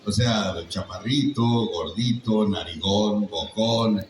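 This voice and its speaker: Speaking slowly in a fairly low voice, an older Mexican-accented man entertains a live crowd as a voice actor on a convention panel, mixing jokes, chat and lessons into his stories. The large convention hall echoes, his voice comes from a distance, and there's slight background noise.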